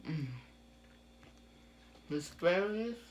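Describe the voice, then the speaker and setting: A woman hosting a mukbang eating show, murmuring and humming slowly between bites in casual commentary. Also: lowish voice, lively intonation, slight background noise.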